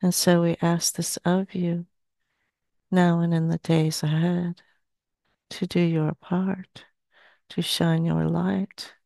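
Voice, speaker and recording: A woman in her sixties trance channeling as a seance medium, speaking solemnly and slowly with long pauses. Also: fairly low pitch, little pitch movement, creaky, mellow, no echo. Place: small dim indoor room. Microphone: headset.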